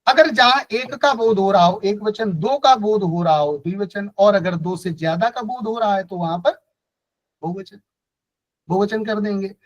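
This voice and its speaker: A man with a Hindi-speaking North Indian accent from around Kanpur teaches an online Sanskrit grammar class, explaining things step by step and putting questions to his students. His voice sits high at a moderate pace, and the recording is muffled.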